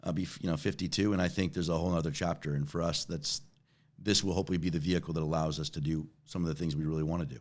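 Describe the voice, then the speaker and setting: A bass voice, a little mellow, pours out very fast with fairly even intonation. It belongs to a chief executive in his forties giving a conversational interview, repeating words and often checking in with "right?"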